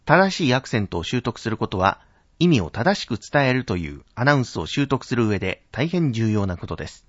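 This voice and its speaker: Formal male announcing instructor, lively pitch. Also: no room sound. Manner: formal polite speech, slow careful enunciation of example words. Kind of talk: scripted spoken lesson on pitch accent. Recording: dull, dry narrow-band recording.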